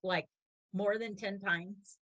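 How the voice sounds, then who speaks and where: A middle-aged woman co-hosts a relaxed podcast. She talks in a lively way and laughs easily as she shares stories. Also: medium pitch, slow, muffled recording. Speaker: podcast co-host. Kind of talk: casual chat.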